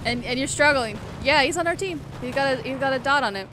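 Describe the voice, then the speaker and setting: A woman's voice: sits high, quick pace, background noise. A woman hosting a gaming channel, giving laughing, exclamatory commentary as she plays an online shooter with friends. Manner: giggly, exclamatory, amused. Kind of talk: laughing live gameplay commentary.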